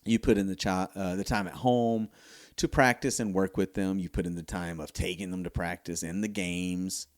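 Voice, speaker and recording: Low-voiced man rambling through a solo podcast. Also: steady tone, moderate pace. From United States. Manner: rambling, many fillers and restarts. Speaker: podcast host. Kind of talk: casual solo commentary.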